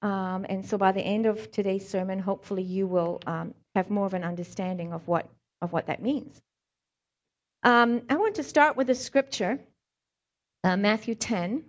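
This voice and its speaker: A medium-pitched, darkish female voice comes through lo-fi sound. The speaker, a middle-aged woman born in Scotland and raised in South Africa, has a light accent and works as a hand therapist and lay preacher. She gives a conversational sermon, reading scripture and telling stories with wry humor and frequent ums.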